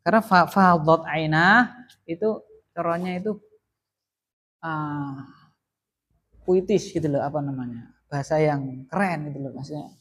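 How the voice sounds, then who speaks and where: Male teacher, classroom lesson, animated emphasis, asks students questions. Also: fairly high pitch, unhurried, long pauses, breathy edge. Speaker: teacher of Arabic grammar. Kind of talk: classroom lesson with call and response.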